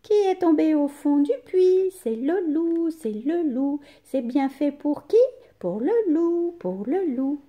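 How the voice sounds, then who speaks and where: A woman voicing a group of young goat kids, shrill, loud and exclamatory in a children's storybook reading. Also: expressive, measured pace. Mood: singsong gloating.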